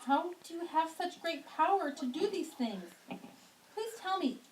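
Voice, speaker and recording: A woman's voice: extremely high pitch, lively intonation, a little slow. A woman voicing a gullible, nervous sock puppet king in a goofy, over-dramatic way for an amateur show. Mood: awed, pleading. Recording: distant mic with faint noise.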